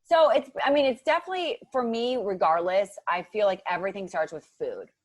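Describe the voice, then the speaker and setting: A woman's voice: medium pitch, a little fast, no room sound. A woman in her thirties from Ohio, chatting as a podcast guest about nutrition coaching and filling her talk with "like". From Ohio, USA. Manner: chatty, many "like" fillers, acts out quotes. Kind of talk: casual chat.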